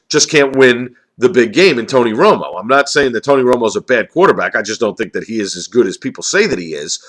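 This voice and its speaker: A man's voice: medium pitch, a bit bright. Emphatic ranting football commentator, a man. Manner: emphatic, ranting with rhetorical questions. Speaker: sports commentator. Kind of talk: opinionated football commentary monologue.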